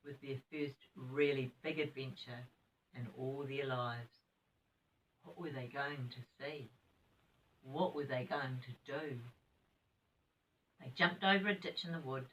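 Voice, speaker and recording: A sweet older woman with a New Zealand accent, reading a children's story in a gentle, expressive grandmotherly way with chatty asides. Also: a bass voice, a little slow, long pauses, recorded from a distance, slight background noise, low-quality recording.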